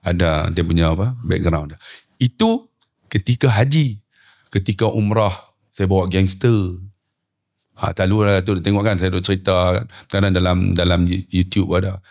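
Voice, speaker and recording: A middle-aged preacher and umrah tour guide with a Malaysian Malay accent tells a story on a talk show at normal speed. His pitch swings in a lively way, and he acts out the dialogue.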